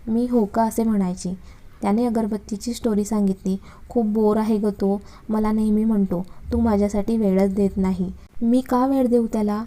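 Dark-voiced woman reading a story. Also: medium pitch. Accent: Marathi. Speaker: narrator. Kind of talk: first-person story reading.

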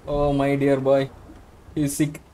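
A man's voice: medium pitch, monotone, slow pace, dark tone. A man with a South Indian accent, a native Tamil speaker, giving casual live commentary while playing a game. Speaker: live-streamer, gamer.

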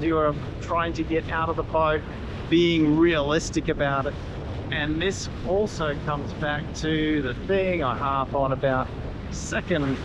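A man explaining sail trim in a casual, hands-on way while standing on the deck of a catamaran at sea, pointing things out as he goes. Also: fairly high pitch. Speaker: sailing instructor. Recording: loud wind noise on the mic outdoors.

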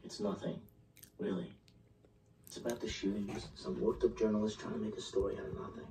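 A man's voice: lowish voice, level tone, a little fast, vocal fry, far from the mic, noisy background. An actor playing a man who downplays his troubles in a TV drama. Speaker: character in a TV drama. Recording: TV audio heard from across a roomy space.

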